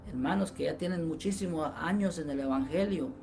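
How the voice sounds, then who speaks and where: A woman's voice: deep voice, fairly quick, creaky, over music. A woman giving a Bible-teaching sermon, preaching emphatically and peppering her points with "amen" and "brothers".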